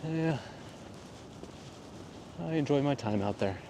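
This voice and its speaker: A man's voice: mid-range voice, animated, slow. Rambling man vlogging on a windy walk. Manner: rambling, laid-back and self-deprecating. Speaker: landscape photographer vlogger. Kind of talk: casual walk-and-talk vlog. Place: outdoors on a cold, windy morning walk. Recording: wind buffeting the mic outdoors.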